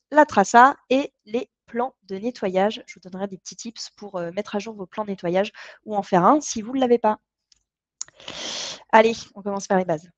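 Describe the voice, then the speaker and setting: A woman of middle pitch leads an online training session. She explains things in a chatty, friendly-paced way, often pausing on fillers as she goes. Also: lo-fi sound. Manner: chatty and explanatory, with frequent hesitations. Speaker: co-founder and trainer.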